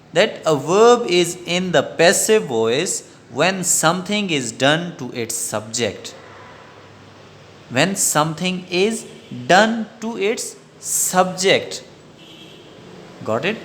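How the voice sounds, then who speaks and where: Man, pakistani english accent, slow-paced lecture voice, fairly high-pitched, says each point twice. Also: fairly bright tone. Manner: slow, repeats key sentences twice. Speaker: English grammar teacher. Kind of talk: recorded lecture.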